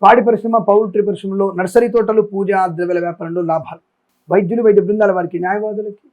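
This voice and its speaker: Fast-talking high-voiced male astrologer. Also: fairly even intonation, highs cut off. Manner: rapid listing, emphatic appeals. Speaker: astrologer and channel host. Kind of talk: daily horoscope reading.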